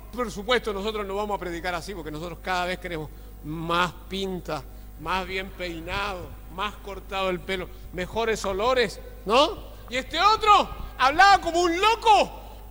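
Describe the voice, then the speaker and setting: High-voiced pastor preaching in a reverberant hall. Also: male voice. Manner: swings between loud exclaiming and low murmured asides, asks the congregation often. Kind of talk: sermon. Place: church sanctuary.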